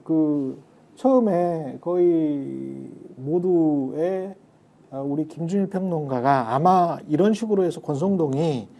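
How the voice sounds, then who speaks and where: A man's voice: fairly high pitch, warm tone. A man on a political talk show, giving his views emphatically and drifting into blunt casual speech.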